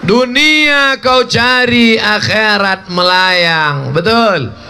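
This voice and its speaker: Joking middle-aged male preacher, higher voice. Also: bright, forceful tone. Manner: jokey, acts out dialogues with shifting voices. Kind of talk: humorous sermon to a crowd.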